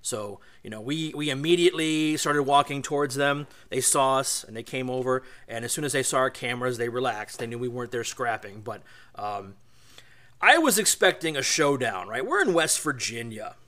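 A man's voice: mid-range voice, expressive, moderate pace, pushed and bright. Chatty man in his forties telling a story. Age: 40s. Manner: rambling, chatty, lots of asides and tags like "right?". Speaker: podcast host. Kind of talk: casual storytelling.

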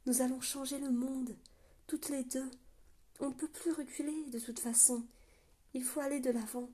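A woman voicing a soft-spoken young woman who speaks tenderly and quietly in an audiobook. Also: sits high, steady tone, normal speed, breathy edge, pitched above the performer's own voice. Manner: soft, hushed, pleading.

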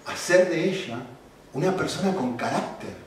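A man preaching a sermon as pastor, swinging from loud emphasis to quiet storytelling. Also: fairly high pitch, lively intonation, moderate pace. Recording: echoey room from far off, faint noise.

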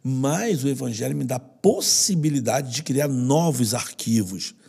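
With a Brazilian Portuguese accent, a guest who works with children tells heartfelt personal stories in an interview, earnest and slangy, repeating for emphasis. His medium-pitched voice has lively intonation, a slightly slow pace, vocal fry, and a mellow, husky quality.

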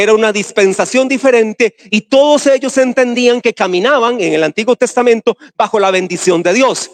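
A male pastor preaching emphatically, putting questions to the congregation and alternating slow stressed phrases with quick runs. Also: sits high. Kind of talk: sermon.

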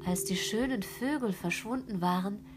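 A woman reading a fairy tale aloud in a gentle way, often sinking into a whisper. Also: medium pitch, normal speed. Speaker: storyteller. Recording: with music behind.

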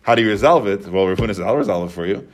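Man teaching a Talmud class, low voice. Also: rapid-fire, background noise. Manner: explains step by step, repeats and restates points.

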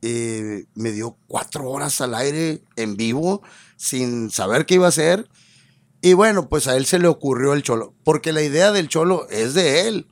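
A man's voice: medium pitch, unhurried, no room sound. A man with a Mexican accent, a radio personality and voice artist, telling his story in a casual interview and acting out the people he quotes. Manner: lively, acts out quoted dialogue in changed voices.

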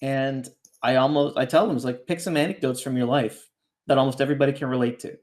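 A man's voice: medium pitch, fairly even intonation, quick pace, a little mellow. A man raised in Canada, a ghostwriter talking as a podcast guest, reflective and winding, often checking in with "right?". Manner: reflective, rambling, keeps asking "right?". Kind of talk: casual podcast conversation.

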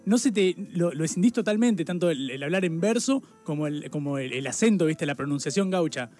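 A man's voice: a little high, expressive, brisk, darkish tone, faint music behind. A man with an Argentine accent, a producer asking the guest a loose, rambling question. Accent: Argentine Spanish. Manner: rambling, with repeated words. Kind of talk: casual interview question.

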